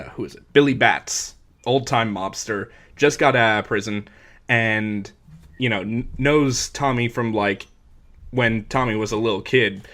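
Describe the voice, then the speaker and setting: Young guy w a bright voice, rambly podcast recap, lots of likes and uhs. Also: mid-range voice. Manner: rambling, filler-heavy retelling with bursts of impressions. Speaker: podcast co-host. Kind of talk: casual movie recap chat.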